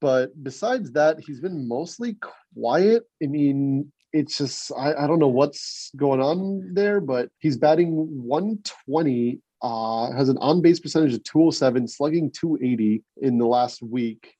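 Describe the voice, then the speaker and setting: A man's voice: mid-range voice, animated, a little slow, warm tone, slightly rough, no echo, low-quality recording. A man co-hosting a podcast, chatting casually and laughing often, with rambling restarts. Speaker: podcast co-host. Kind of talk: casual sports chat.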